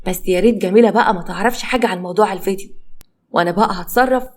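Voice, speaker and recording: Bitter, cold husband in an Egyptian audio story, read by a woman narrator, quick delivery. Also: medium pitch, darkish tone, close to an everyday voice. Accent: Egyptian Arabic. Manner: bitter, reproachful.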